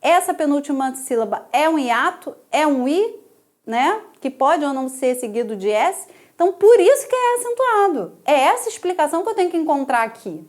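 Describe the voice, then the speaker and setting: A Brazilian woman with a high voice teaches a grammar lesson for exam candidates. She explains each step patiently and keeps checking in with her students through frequent tag questions. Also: expressive, moderate pace. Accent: Brazilian Portuguese.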